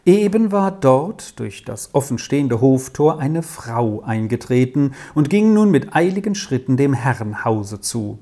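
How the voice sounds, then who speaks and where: A narrator reading a classic story aloud in a calm, lowered voice. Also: unhurried, hardly any pauses.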